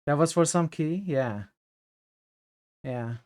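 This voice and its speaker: A man's voice: fairly high pitch, slow, a little mellow. A man chatting casually on a live game stream in a friendly way. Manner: friendly, thanking viewers.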